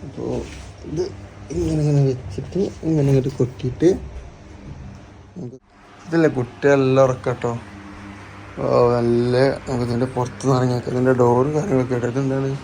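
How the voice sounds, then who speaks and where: A travel vlogger with a Malabar Malayalam accent chats casually, mixing in English words and repeating exclamatory slang. His medium-pitched voice is mellow and flat, a little fast, with frequent pauses. The handheld vlog recording is noisy with background ambience.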